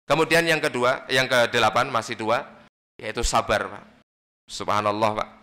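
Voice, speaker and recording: Male preacher, animated sermon delivery, medium pitch. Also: moderate pace. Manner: lively, acts out little dialogues with big pitch swings. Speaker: Islamic preacher. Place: radio studio or mosque gathering.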